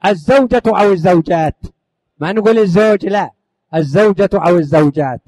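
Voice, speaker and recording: A man's voice: sits high, a little fast, darkish tone, no echo. A man teaching inheritance law in a recited classroom style, asking questions and answering them himself, repeating lists. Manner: rising on each question, dropping at the end of lists; addresses listeners affectionately.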